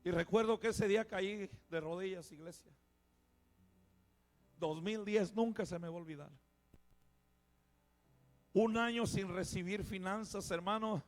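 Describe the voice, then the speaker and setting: A middle-aged man, a pastor giving a fervent sermon testimony that rises to loud exclamations. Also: high voice, measured pace, long pauses.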